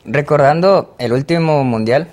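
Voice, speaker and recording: A man's voice: a little high, unhurried, a little mellow. A Mexican man with a Mexican Spanish accent, sharing his views thoughtfully as a guest in a casual discussion. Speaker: panel guest.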